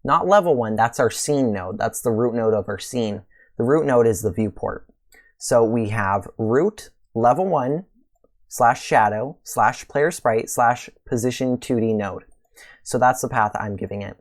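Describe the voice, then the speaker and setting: A man with a middle-pitched voice records a coding tutorial from his desk, explaining each step in a relaxed, conversational way. His voice sounds a little worn, as though he is starting to lose it. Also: measured pace. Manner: casual, relaxed walkthrough with fillers and pleased exclamations. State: slightly losing his voice. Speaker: tutorial host.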